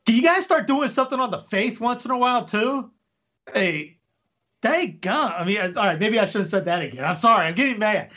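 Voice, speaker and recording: Impassioned ranting man, high voice. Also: lively intonation, a little fast, fairly bright tone. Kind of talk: casual talk show chat.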